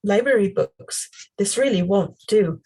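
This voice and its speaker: A woman voicing a fussy, pompous middle-aged male town clerk who recites rules, in a breathy voice. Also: medium pitch, measured pace, a little mellow, rough recording.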